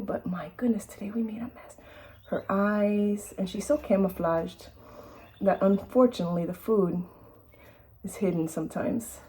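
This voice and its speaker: Woman, casual home vlog, mellow tone, switches between baby talk to a pet bird and easy chat to camera. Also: medium pitch, a little hiss or hum, low-quality recording. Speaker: bird rescuer hand-feeding a baby dove. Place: home kitchen.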